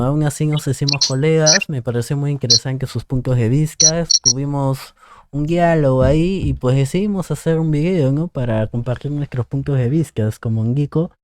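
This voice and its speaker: A man's voice: medium pitch, a little mellow, no echo, clean studio sound. A man hosting his channel, introducing a guest and asking questions in a friendly, hesitant way. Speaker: channel host. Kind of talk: conversational interview.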